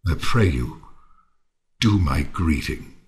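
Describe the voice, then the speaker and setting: An actor playing Timon, a bitter, world-weary misanthrope, theatrically mournful and ranting in a Shakespearean audio play. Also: male voice, extremely low pitch, lively intonation, takes it slowly, exaggerated voice. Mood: mock-kindly, bitter. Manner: theatrical, swinging from quiet to declaiming.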